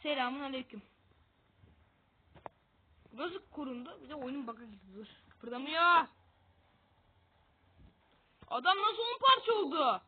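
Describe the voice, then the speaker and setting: A woman giving casual gameplay commentary, excitable and self-mocking about her own losing. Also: high voice, a little slow, long pauses. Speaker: gamer. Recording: tinny phone-like audio.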